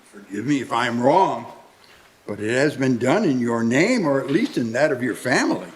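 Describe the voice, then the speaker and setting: A man's voice: mid-range voice, expressive, moderate pace, close to an everyday voice, low-quality recording. A man playing Ebenezer Scrooge as an elderly, defensive miser in a live radio play, hesitant, stammering and pleading. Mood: indignant.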